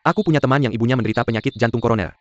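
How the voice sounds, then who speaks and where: Man dubbing a steady young male executive, firm and reassuring, mid-pitched voice, dull lo-fi sound. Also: very fast, dry recording, lightly acted. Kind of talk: dubbed drama dialogue. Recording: dull lo-fi dub with faint music.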